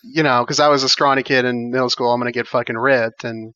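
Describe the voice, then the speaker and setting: Mid-pitched male co-host, profane and rambling, muffled lo-fi recording. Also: steady tone, fast talker, bright, forceful tone, no room sound. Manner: blunt, swears a lot, rambling. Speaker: podcast co-host. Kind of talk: casual movie chat. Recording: dull lo-fi sound.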